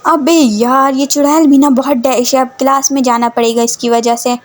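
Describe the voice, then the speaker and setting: Woman plays cheeky male uni student, high and light, pestering tone. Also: steady tone, moderate pace, lightly acted. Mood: teasing.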